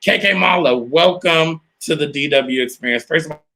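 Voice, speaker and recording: Hyped bright-voiced male host. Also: on the high side, normal speed. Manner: hyped, repetitive, addresses viewers as y'all. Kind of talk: casual live-stream interview.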